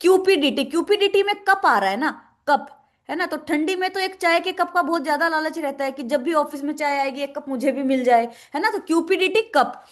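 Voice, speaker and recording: A woman's voice: sits high, a little fast. A woman teaching English vocabulary, asking questions and answering them herself, repeating each word. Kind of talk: explaining in a lesson with memory tricks.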